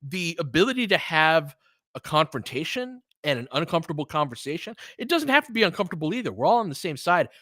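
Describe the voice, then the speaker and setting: An American man hosts a loose, unscripted sports livestream, chatting with listeners in a candid, opinionated, emphatic way and swearing freely. His fairly high voice swings widely in pitch and comes out quick, pushed, and bright. The recording is dry and studio quality.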